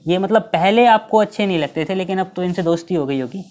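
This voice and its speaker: A man's voice: high-pitched, a little mellow. A male teacher giving an exam-prep math lesson, explaining each step and asking his students rhetorical questions. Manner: reads English questions slowly, mixing Hindi and English.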